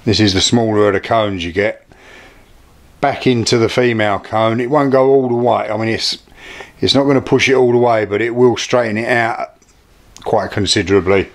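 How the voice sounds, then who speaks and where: A British man hosting an informal hands-on craft demonstration, talking in a low-key, plain-spoken and unpolished way. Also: steady tone, moderate pace. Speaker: hobby craft video host.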